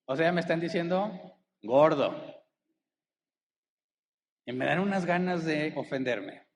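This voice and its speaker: A male pastor preaching a sermon. He keeps asking the congregation rhetorical questions and slows down to stress the key words. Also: on the high side, vocal fry, in a large hall, slight background noise. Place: church hall.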